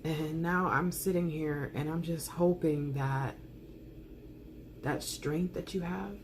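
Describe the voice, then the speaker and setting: A woman with a fairly low voice reads love messages in a soft ASMR style. Her delivery is intimate and earnest, shaped by dramatic pauses. Some ambient noise sits behind her voice. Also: fairly even intonation. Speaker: tarot reader reading out love messages. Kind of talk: soft ASMR love letter reading, spoken as the absent partner.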